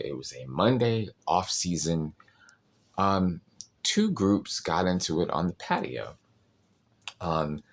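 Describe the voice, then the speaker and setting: Low-voiced man telling a wild story. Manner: animated, filler-heavy storytelling. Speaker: podcast host, restaurant server. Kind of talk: casual storytelling.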